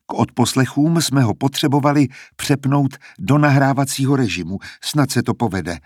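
A man's voice: mid-range voice, a little mellow, breathy edge, dry recording, clean studio sound, voice pushed up, natural voice. A man voicing an older female scientist who explains her birds with fondness. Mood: explaining.

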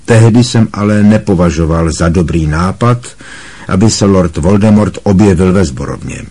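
A man voicing a kind, wry middle-aged male wizard teacher who speaks calmly and with gentle amusement. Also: low-pitched.

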